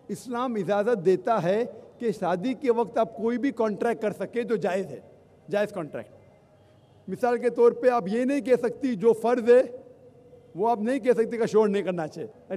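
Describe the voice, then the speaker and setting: Fielding audience questions at a public lecture, a male Islamic speaker goes through his points one at a time and mixes English phrases into his talk. His voice is very high-pitched yet dark in tone. The hall adds a long reverb.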